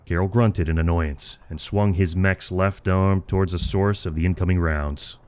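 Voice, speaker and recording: A male narrator with a low, slightly mellow voice delivers a scripted military adventure dramatically. His tone is steady and clean, and he tells the story in a measured, grave way.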